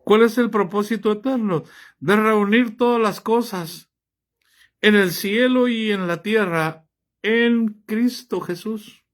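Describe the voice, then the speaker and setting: A preacher with a high voice takes his time as he reads scripture aloud and comments on it. Throughout the sermon he presses his audience with rhetorical questions.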